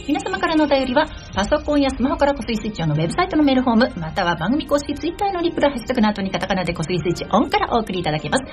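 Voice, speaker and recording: A woman's voice: high-pitched, big pitch swings, racing, hardly any pauses. A woman hosting a live radio show from a studio, presenting politely and chattily with frequent small interjections. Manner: polite, chatty, often punctuates with "hai" and "ne". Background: background music.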